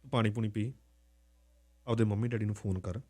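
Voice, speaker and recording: A man's voice: lowish voice, steady tone, brisk, warm tone, soft background music, lightly acted. A man voicing a young store worker who speaks in a soothing, coaxing way.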